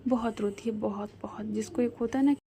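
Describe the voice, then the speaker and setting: A woman storyteller, telling a love story casually in a soft, half-whispered voice with chatty asides. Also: on the high side, fairly even intonation, a little fast, slight background noise.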